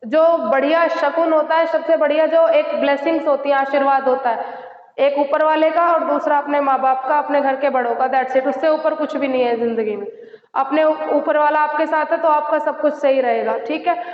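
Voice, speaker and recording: High-voiced woman teacher in an echoey room. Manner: mixes English phrases, repeats "theek hai" and "right?"; gives advice directly to students. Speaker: Hindi teacher. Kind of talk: online exam-prep lesson. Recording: echoey, dull lo-fi room sound.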